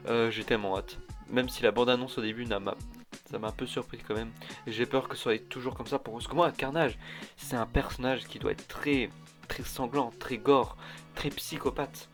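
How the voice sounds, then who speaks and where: A man's voice: medium pitch, fairly even intonation, normal speed, faint music behind. A man talking casually to camera as a vlogger, rambling and often restarting his sentences. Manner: rambling, with frequent restarts and asides. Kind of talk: casual chat.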